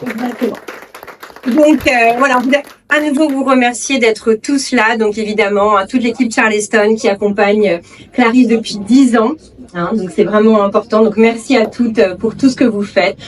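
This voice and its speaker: A woman gives a grateful thank-you speech at a book event in a slightly higher voice. She is captured from a distance, so she sounds far off in the recording. Her delivery is warm and halting. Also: fairly even intonation, a little hiss or hum. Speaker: publisher speaking at a book event.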